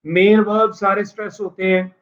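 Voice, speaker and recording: A man teaching a recorded online lecture, explaining steadily, mixing in English terms, with drawn-out "uh" fillers. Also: high voice, little pitch movement, fairly bright tone. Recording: dull lo-fi recording.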